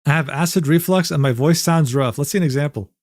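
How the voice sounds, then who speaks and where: A man's voice: on the high side, quick pace. Brash, profane male streamer. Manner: brash, profane, laughing at clips. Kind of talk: live stream commentary.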